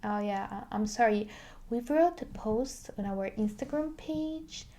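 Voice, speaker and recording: A woman with a slightly high, expressive voice does a soft-spoken ASMR roleplay as a video game shop clerk. She drifts into whispers, and her delivery is hesitant and halting.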